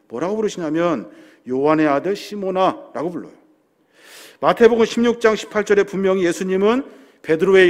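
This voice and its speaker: A man preaching a sermon as senior pastor, earnest and explaining, building up to emphatic passages. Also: sits high. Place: church sanctuary hall. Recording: long church hall reverb.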